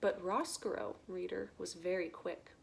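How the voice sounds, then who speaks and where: A woman reading a children's novel aloud in a slow, gentle, expressive way. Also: fairly low pitch, gravelly. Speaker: reader. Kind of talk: storybook read-aloud.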